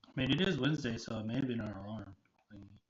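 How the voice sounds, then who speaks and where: Rapid-fire and medium-pitched, a male streamer chats loosely while playing, tripping over fillers and restarting sentences; the audio is muffled, with a little background noise.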